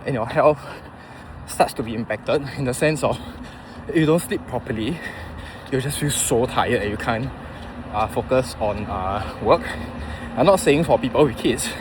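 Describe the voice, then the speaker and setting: A man in his thirties with a Singaporean accent, rambling casually to a vlog audience in a halting, informal way, thinking aloud. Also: mid-range voice. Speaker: running vlogger. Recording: clear outdoor traffic and vehicle noise.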